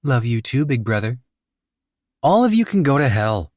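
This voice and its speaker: A man's voice: medium pitch, very animated, moderate pace, dry recording, clean studio sound, voice pushed up, close to an everyday voice. A man voicing a sarcastic woman, the mob boss's sister, in an audiobook. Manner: sarcastic, teasing.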